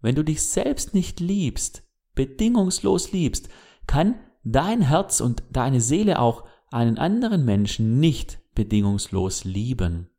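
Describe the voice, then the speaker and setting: Slow, gently questioning male speaker. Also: medium pitch, big pitch swings, gravelly. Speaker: self-help speaker. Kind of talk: reflective motivational monologue.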